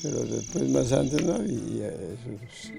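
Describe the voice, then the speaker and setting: Gravelly old Peruvian grandfather, low-voiced. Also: lively intonation, a little slow, over music. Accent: northern Peruvian. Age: older. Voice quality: gravelly, creaky aged voice. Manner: rambling, repeats phrases, colloquial. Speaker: grandfather recounting local oral history. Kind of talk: informal oral storytelling.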